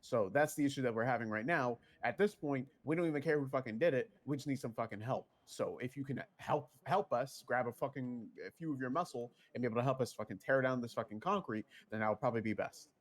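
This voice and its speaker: Fast-talking, foul-mouthed demanding man. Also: mid-range voice. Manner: blunt, swears constantly, demanding. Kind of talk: in-character roleplay argument.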